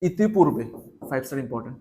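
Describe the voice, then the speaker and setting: A man's voice: medium pitch, animated, racing, mellow. A man from Bangladesh giving an exam-prep lesson, talking straight to students and repeating key points with emphasis. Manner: repetitive, emphatic, addresses students directly. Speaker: exam tutor.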